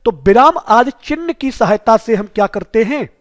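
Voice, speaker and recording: A man's voice: very high voice, animated, moderate pace. A man teaching an exam-prep lesson who keeps asking rhetorical questions and calling the viewers his friends.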